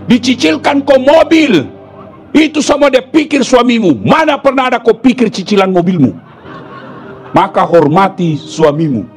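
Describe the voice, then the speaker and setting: High-voiced preacher, joking and scolding. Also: male voice. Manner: playful, switches to shouted scolding of the women listeners. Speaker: Islamic preacher. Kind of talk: humorous sermon with acted jokes.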